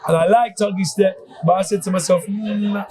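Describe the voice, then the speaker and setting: A man with a fairly high voice talks like a musician in a relaxed interview. He tells stories in casual slang and doubles up his phrases for emphasis, with clear chatter of other people around him. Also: quick pace. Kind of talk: casual animated interview storytelling.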